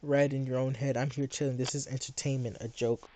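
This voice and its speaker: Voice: medium pitch, little pitch movement, fairly quick, mellow. A livestreamer ranting late at night in a heated, sarcastic way, mocking someone in chat.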